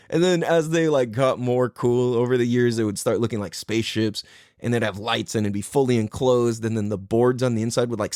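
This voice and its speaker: A man's voice: medium pitch, a little mellow, no echo, clean studio sound. A man from the United States in his thirties, hosting a podcast and telling a long story in a rambling, profane way, laughing often. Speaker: podcast host. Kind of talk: casual storytelling monologue.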